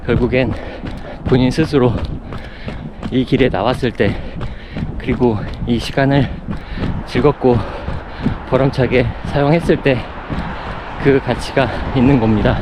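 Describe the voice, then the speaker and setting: Man talking while running outdoors, noisy surroundings. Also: mid-range voice. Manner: talking while running, in short broken phrases. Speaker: running vlogger. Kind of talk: reflective casual vlog monologue. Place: outdoors on city running paths. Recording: clear outdoor urban noise, passing traffic.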